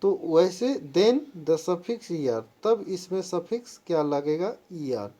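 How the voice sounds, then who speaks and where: A woman's voice: on the low side, expressive, warm tone. A woman teaching English grammar in a lesson, mixing Hindi and English and spelling words out letter by letter. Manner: slow, halting delivery when reading English rules. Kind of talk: classroom-style lesson explanation.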